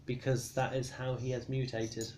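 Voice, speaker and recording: A drunk man giving a rambling, casual explanation, halting and stumbling over his words, argumentative. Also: mid-range voice, level tone, a little mellow, a little hiss or hum, low-quality recording. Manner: swears casually. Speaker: storyteller explaining comic book lore.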